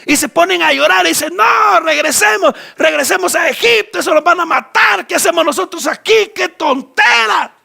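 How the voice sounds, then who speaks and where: A man voicing a crowd of frightened, complaining Israelites, shouting and whining high. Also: very animated, normal speed, gravelly, exaggerated voice. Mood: panicked wailing. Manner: shouted, whiny pleading.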